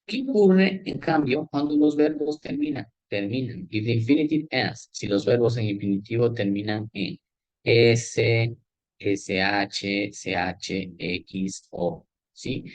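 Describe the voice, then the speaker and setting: A Spanish-speaking English teacher gives a classroom grammar lesson slowly and patiently, explaining step by step, switching between Spanish and English, and checking in with "¿ya?" and "¿sí?". His mid-range voice is expressive. The recording has no echo but is low quality.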